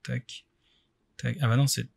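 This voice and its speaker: Guy doing a lets play, normal pitched voice, kinda hesitant, mumbling his thoughts to himself, bit of background noise. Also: flat delivery, unhurried, gravelly. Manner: hesitant, muttering to himself in short bursts. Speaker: let's play video game streamer. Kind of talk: casual gameplay commentary, thinking aloud.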